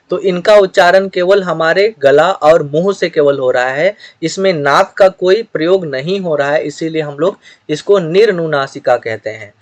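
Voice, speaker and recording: A man teaching a grammar lesson, explaining each point steadily with examples and now and then clearing his throat. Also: high voice, no echo.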